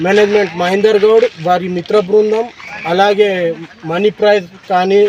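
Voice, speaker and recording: A man giving a halting, repetitive statement to a news camera outdoors. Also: sits high, level tone, a little mellow. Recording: dull lo-fi, noisy outdoor sound.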